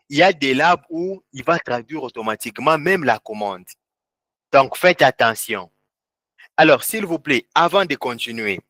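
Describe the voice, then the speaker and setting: A man teaching a live online tech class over a computer mic. His voice sits slightly high, and the sound is dry with no room around it. He moves step by step, repeating words as he points things out on screen. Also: fairly bright tone, dry recording. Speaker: instructor.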